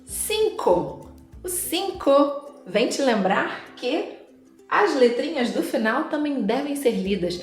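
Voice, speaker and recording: Slow-talking Carioca woman teacher. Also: sits high, big pitch swings, roomy sound, faint music behind. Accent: Carioca Brazilian Portuguese. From Rio de Janeiro, Brazil. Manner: patient, drawn-out example words, checking in with "tá?". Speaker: Spanish teacher. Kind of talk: language lesson.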